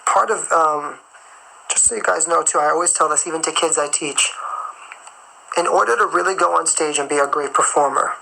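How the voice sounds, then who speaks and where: A man's voice: a little high, normal speed, vocal fry, bright, forceful tone, slight background noise, low-quality recording. A man who is a singer and performer, hosting a live stream and giving a motivational talk while chewing gum. He stresses his points and repeats key phrases. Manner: chews gum while talking.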